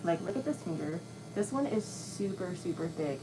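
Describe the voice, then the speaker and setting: A woman's voice: fairly low pitch, lively intonation, normal speed. A woman chatting casually as a nail technician giving a live tutorial. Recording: clearly noisy background.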